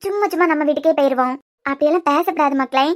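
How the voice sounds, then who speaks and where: A woman voicing a gentle elderly grandmother in a cartoon series, speaking with a Kanyakumari accent in a coaxing, motherly, scolding way. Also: high-pitched, racing, close to an everyday voice. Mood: soothing. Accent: Kanyakumari Tamil. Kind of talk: cartoon web series voice acting.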